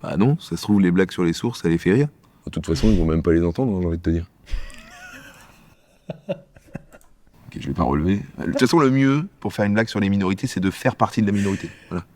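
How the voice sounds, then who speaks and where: A man acting out a bickering comedy sketch dialogue, trading quick lines between two characters. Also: sits low, animated, a little mellow.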